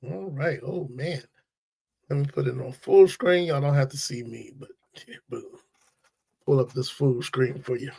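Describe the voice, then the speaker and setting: A man's voice: medium pitch, normal speed, creaky, mellow, breathy edge. A man hosting a casual sports talk stream, blunt and opinionated, using slang and talking straight to his viewers. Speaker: sports talk show host. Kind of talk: casual sports commentary livestream.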